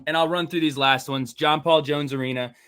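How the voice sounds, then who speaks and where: A man's voice: a little high, steady tone, fairly quick, a bit bright, clean tone. A man from New Jersey hosting a sports podcast, chatting casually with rambling, teasing rivalry jokes. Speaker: podcast host.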